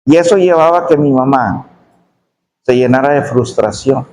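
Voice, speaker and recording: A middle-aged man telling a testimony in a sermon, his voice dropping low and slow on painful memories. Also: darkish tone, poor audio. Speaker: preacher giving testimony.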